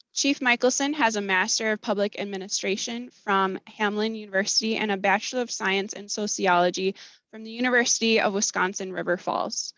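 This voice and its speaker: A woman's voice: medium pitch, fairly bright tone, no room sound. An American woman moderating a webinar, formally reading scripted announcements and introductions.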